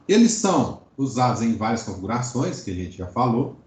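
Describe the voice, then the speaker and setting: A Brazilian man teaches electronics in a relaxed online lecture, explaining concepts and frequently checking in with quick tag questions. His voice sits at medium pitch with wide swings in intonation, a slightly quick pace, and a gently mellow quality. The class audio sounds roomy and echoey.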